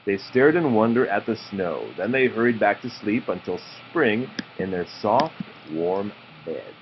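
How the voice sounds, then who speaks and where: A man reading a children's picture book aloud to his child in a slow, drawn-out storytelling way, with informal asides. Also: on the low side, expressive. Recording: muffled home recording with background noise.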